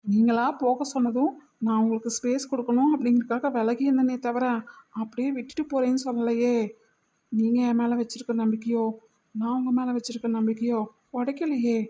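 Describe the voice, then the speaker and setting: A woman voicing a calm, protective young man in a cartoon, talking in a patient, gently scolding way. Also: fairly high pitch, brisk, lo-fi sound, lightly acted. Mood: soothing, tender. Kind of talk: cartoon voice acting.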